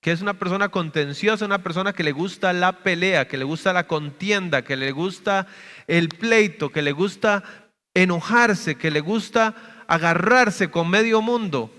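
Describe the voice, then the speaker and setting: A man's voice: high voice, bright, forceful tone, big-room sound. A male pastor teaching a sermon, explaining step by step and often checking with "¿verdad?". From Costa Rica. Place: church sanctuary.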